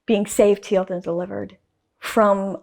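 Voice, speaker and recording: In a faith-focused interview, a guest artist recounts a story in a relaxed way, stressing points animatedly and repeating phrases. She speaks unhurriedly in a mid-range, creaky voice.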